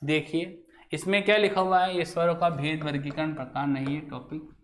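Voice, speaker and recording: A man teaching Hindi grammar in a classroom lecture. He asks the class questions, answers them himself, and says example words over slowly to show how they sound. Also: a little high, steady tone, a little hiss or hum.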